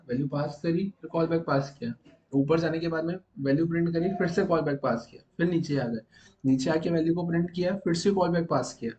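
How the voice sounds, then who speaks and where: A man's voice: on the high side, a little mellow, a little hiss or hum. A man teaching a programming class to students in the room, explaining step by step and often asking whether everyone has understood. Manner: explains step by step, keeps checking if students follow. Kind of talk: classroom coding lecture.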